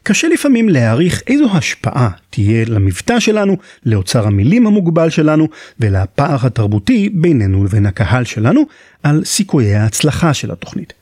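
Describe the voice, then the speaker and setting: A man with an Israeli accent hosts a podcast, reading scripted narration in an articulate, explanatory way. His mid-pitched voice has a rough, husky edge and moves with lively intonation. The sound is dry, with very little room in it. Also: dry recording. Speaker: podcast host.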